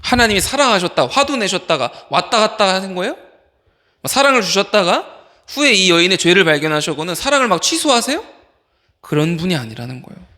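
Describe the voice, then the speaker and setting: A man, an associate pastor, preaching informally to a youth group, firing questions at the teens and calling on them by name. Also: a little high. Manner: animated, fires questions at listeners. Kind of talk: youth sermon.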